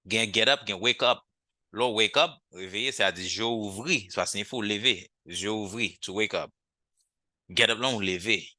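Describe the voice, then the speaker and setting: Haitian guy teaching english on a video call, low voice with a sharp edge, drills the same phrase over and over. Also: dry recording. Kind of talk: live online language lesson.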